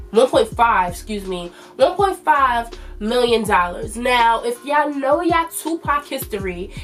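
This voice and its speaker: A woman in her twenties with a stuffy, nasal voice, chatting loosely as a vlog host with plenty of fillers. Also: a little high. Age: 20s. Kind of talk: casual commentary.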